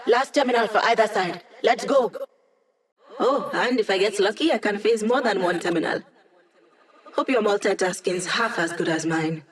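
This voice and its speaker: An actress playing a brisk, confident young female hacker, giving casual, wry, technical mission support in a video game. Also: mid-range voice, natural voice. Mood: focused. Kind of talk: scripted video game voice acting.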